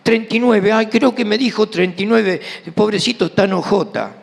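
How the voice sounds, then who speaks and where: In a church hall, a middle-aged man with an Argentine Rioplatense Spanish accent preaches a sermon, sharing a personal testimony and acting out the dialogue as an animated storyteller. His voice is high and gravelly at a moderate pace, and the hall is reverberant.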